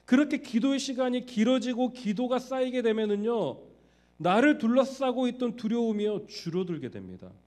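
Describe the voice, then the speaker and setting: A man preaching a sermon as pastor, animated and addressing the congregation with frequent rhetorical questions. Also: very high-pitched, normal speed.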